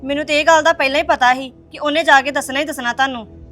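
A woman's voice: a little high, fast talker, fairly bright tone, faint music behind, natural voice. A woman plays a young wife who soothes and placates her upset relatives. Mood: defensive. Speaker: daughter-in-law. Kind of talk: family web series acting.

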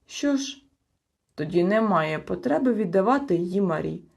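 A woman's voice: mid-range voice, lively intonation, moderate pace, vocal fry, a little mellow. A woman voicing a stern, self-important male storybook creature who acts as a judge, speaking in a clipped, officious way.

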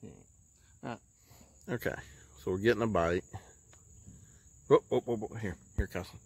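A man, chatting casually while fishing from an outdoor lake dock, recorded on a handheld phone and often talking low and hushed. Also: moderate pace, gravelly, slightly rough, no room sound. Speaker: fishing vlogger. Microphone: handheld phone camera.

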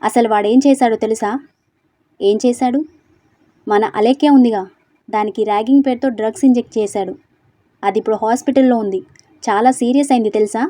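A woman's voice: a little high, brisk, long pauses, mellow, no echo, lightly acted. A woman doing a fiery hot-tempered young woman. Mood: angry. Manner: angry, defiant, blunt.

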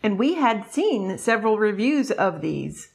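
A woman's voice: medium pitch, big pitch swings, a little slow, vocal fry, a little mellow. Middle-aged woman, casual food reviewer. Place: small indoor room at a table. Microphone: lapel mic.

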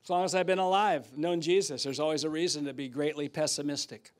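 An older man preaching a sermon in a church, telling stories and swinging from loud outbursts to hushed asides. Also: fairly high pitch, fairly even intonation, quick pace. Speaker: guest preacher. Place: church sanctuary.

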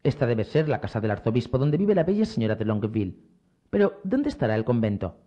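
A man's voice: medium pitch, sing-song, fast, lo-fi sound, close to an everyday voice. Man voicing a proud, defiant musketeer. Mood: wry. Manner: defiant, boastful, sharp-tongued. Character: bold proud male musketeer lieutenant, quick-tempered. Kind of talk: audiobook character reading.

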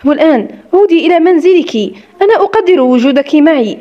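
A woman's voice: very high voice, expressive, fast talker, highs cut off. A woman voicing a bitter, weary young widow. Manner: sarcastic and tired.

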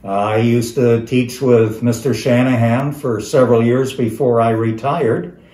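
Man in his seventies, American accent, speaking through a face mask, mellow tone, halting reminiscence, roomy echo. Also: mid-range voice, fairly even intonation. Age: 70s. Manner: halting, pausing often. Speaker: retired history teacher. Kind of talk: informal recorded talk to students, reminiscing. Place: dining room of a historic house. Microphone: camera across a table.

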